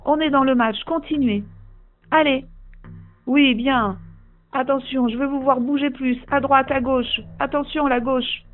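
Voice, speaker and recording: A woman's voice: sits high, fairly even intonation, a little slow. A woman leading a guided sports visualization, urging listeners on with repeated short commands. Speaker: coach guiding a visualization. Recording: tinny phone-like line with faint music.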